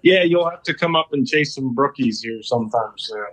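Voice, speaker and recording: A man's voice: mid-range voice, animated, normal speed, fairly bright tone, rough recording. An American man from Pennsylvania chatting casually as a guest on a podcast. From Pennsylvania, United States. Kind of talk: casual chat.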